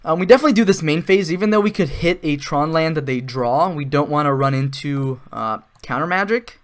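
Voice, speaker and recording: A man's voice: a little high, brisk. A man giving casual live-stream commentary while playing an online card game, thinking aloud, with sarcastic asides.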